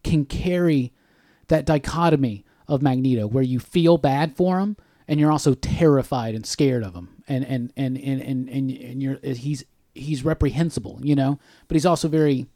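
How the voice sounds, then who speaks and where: Medium-pitched and dark in tone, a man talks at a normal speed while co-hosting a relaxed studio podcast. He rambles, dropping "like" often, and there's no echo.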